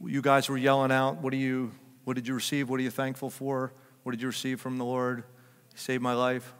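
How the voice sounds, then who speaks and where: A man's voice: mid-range voice, monotone, fairly quick, smooth. Older male pastor preaching in reverberant hall. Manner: conversational, joking with the congregation, builds to loud emphatic peaks. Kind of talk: sermon. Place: church sanctuary.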